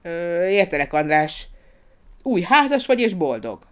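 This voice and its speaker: A reader voicing a booming, hearty country gentleman. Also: sing-song, smooth. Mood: eager. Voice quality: booming and repetitive. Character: hearty, loud, well-meaning middle-aged country gentleman.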